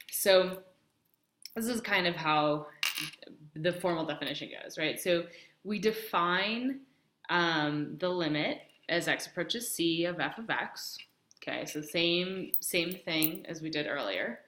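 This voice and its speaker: A woman's voice: low-pitched, a bit bright. Chatty woman teaching math, echoey room. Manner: chatty, many ums, talks to herself while writing. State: has the hiccups. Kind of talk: casual math lesson.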